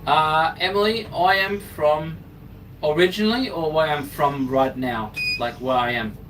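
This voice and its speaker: A German-born man operating a crane chats casually with his live stream viewers from the crane cab, joking and laid-back. His voice is a little high and his pace measured. The mic is distant, picking up clear background noise.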